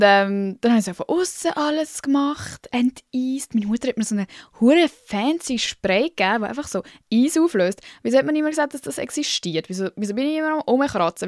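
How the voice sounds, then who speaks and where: A woman's voice: mid-range voice, a little mellow, no room sound, clean studio sound. A young woman with a Swiss German accent hosting her own podcast in casual, slangy, self-mocking solo chat full of fillers. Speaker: podcast host.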